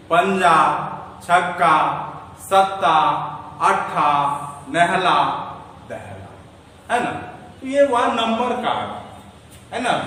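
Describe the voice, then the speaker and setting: A man's voice: sits high, a bit bright, slight background noise. A man teaches a lesson, explaining step by step and asking and answering his own questions. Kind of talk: classroom lesson. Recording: echoey room from far off.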